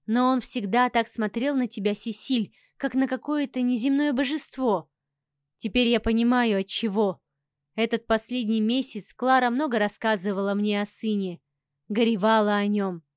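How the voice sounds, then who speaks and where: Woman, audiobook narrator, expressive, dramatic, fairly high, dry studio sound. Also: moderate pace, smooth, dry recording. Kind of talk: first-person audiobook narration.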